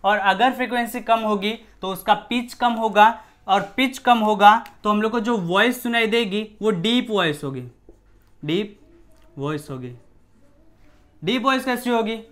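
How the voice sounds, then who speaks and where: A man's voice: high-pitched, fairly even intonation, moderate pace, hardly any pauses, fairly bright tone. A man teaching a physics lesson in casual classroom style, asking himself questions and repeating key words. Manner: repetitive, rhetorical questions, shifts voice to demonstrate. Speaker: science teacher.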